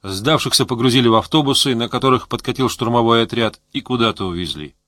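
A man's voice: mid-range voice, no room sound, clean studio sound. Man reading an audiobook. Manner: measured, steady reading. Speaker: audiobook narrator. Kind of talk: scripted narration.

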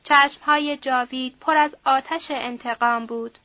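A woman reading a novel aloud as an audiobook narrator in a steady, somber storytelling manner. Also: sits high, no room sound, lo-fi sound. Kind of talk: scripted narration.

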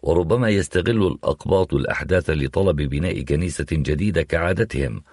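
A man with a very low, deep voice reading a first-person novel aloud. His delivery is measured and reflective, recorded close and dry with no room echo. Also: darkish tone, slightly rough. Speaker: audiobook narrator. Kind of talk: scripted first-person narration.

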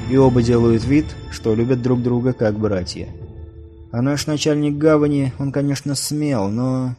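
A man voicing a haughty, sharp-tongued, seductive woman. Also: medium pitch, level tone, moderate pace, soft background music, lightly acted. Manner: haughty and scornful.

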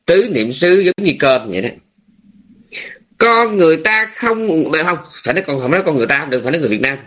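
A man, a Buddhist monk giving a dharma talk with drawn-out phrases, many hesitant fillers and rhetorical questions to his listeners. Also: a little high, very animated, a bit bright, muffled recording. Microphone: online room.

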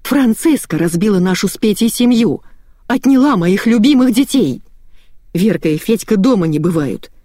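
A woman's voice: mid-range voice, animated, moderate pace, dark tone, no echo, clean studio sound, voice pushed up, close to an everyday voice. A woman voicing a hysterical, vicious middle-aged woman who shrieks and sobs. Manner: shrieking, sobbing outbursts.

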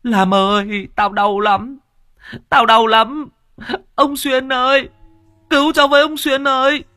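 A man voicing a sick young village boy, crying out in shrill, strained wails in an audiobook. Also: little pitch movement, measured pace, sharp tone, dry recording, clean studio sound, exaggerated voice. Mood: agonized.

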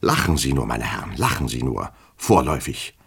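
A pompous, touchy petty official in a radio reading, speaking with stiff formality and wounded pride, as a male reader voices him. The voice sits extremely low and has a husky edge. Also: big pitch swings, fairly quick, fairly bright tone, heavily acted. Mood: pompous indignant. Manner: stiffly formal, indignant, self-important.

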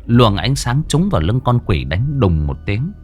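A man's voice: mid-range voice, sing-song, normal speed, darkish tone, soft background music. A man narrating a horror story with dramatic expression.

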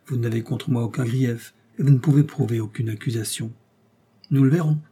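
A man's voice: mid-range voice, brisk, warm tone, slightly rough, natural voice. A man voicing a raging, taunting circus clown. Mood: defiant. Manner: sarcastic, raging, then pleading. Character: defiant male circus clown, violent and taunting.

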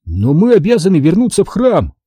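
A man's voice: sits high, huge pitch swings, fairly quick, warm tone, husky, no echo, clean studio sound, pitched above the performer's own voice, heavily acted. A man voicing a dutiful young male apprentice, reluctant and wry, in an audiobook.

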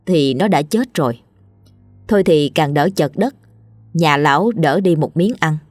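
Low-voiced woman telling a ghost story. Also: a little mellow, dry recording. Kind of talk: scripted ghost story narration.

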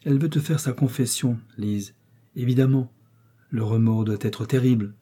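A man reading an audiobook, voicing a proud aristocratic prince who speaks softly with concern. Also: medium pitch, moderate pace, husky, lightly acted. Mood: tender concern. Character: proud aristocratic prince, tender with his wife.

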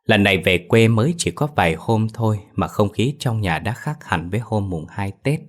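Deep-voiced male storyteller. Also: normal speed. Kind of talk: scripted horror story narration. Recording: faint background music.

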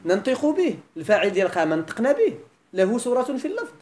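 A woman's voice: a little high, big pitch swings, quick pace, a little mellow. A woman with a Moroccan Arabic accent teaching a classroom grammar lesson, often quizzing her students with questions.

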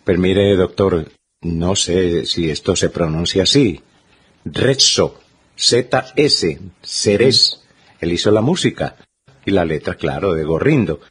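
A man's voice: deep voice, takes it slowly, fairly bright tone, breathy edge. A man co-hosting a radio show, polite and careful as he reads out details. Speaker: radio co-host. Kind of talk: conversational radio commentary.

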